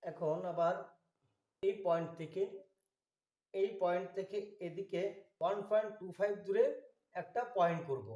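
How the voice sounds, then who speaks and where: A man giving a slow, methodical drawing tutorial, walking through each step. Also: high voice, darkish tone, echoey room. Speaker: drawing instructor.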